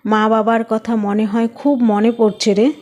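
A woman giving voice to a fussy older mother-in-law in a spoken storybook. She scolds and frets, but her voice stays warm and caring. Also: on the high side, level tone, measured pace, close to an everyday voice. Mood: fussing. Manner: scolding, fussing.

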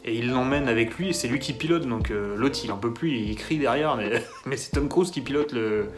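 A man's voice: mid-range voice, normal speed. Sarcastic male film reviewer, mid-range voice, loose mocking delivery, guitar track underneath. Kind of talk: casual solo film review.

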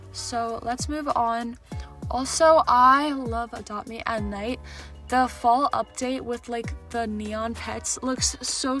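A seventeen-year-old young woman with a slight lisp, chatting excitedly and rambling as she commentates a game. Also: fairly high pitch. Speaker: gaming video host. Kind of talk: casual chatty gameplay commentary. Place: under bed covers in a bedroom. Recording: background music under voice. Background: music.

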